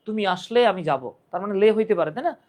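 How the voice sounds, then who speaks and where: A man's voice: sits high, animated, brisk, a little mellow. A man from Bangladesh teaching an English grammar lesson on a live stream, chatty and joking as he talks straight to his students. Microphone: phone.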